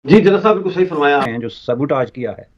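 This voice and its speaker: A man panelist on a TV debate, speaking in a formal, measured way. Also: a little high, animated. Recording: dull lo-fi audio.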